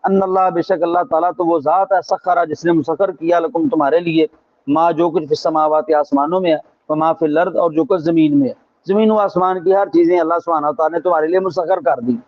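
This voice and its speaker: In a religious class, a man with a Pakistani Urdu accent teaches Quran translation, reciting verses and explaining them through rhetorical questions and emphatic repetition. His voice is a little high with fairly even intonation, and the recording has its highs cut off.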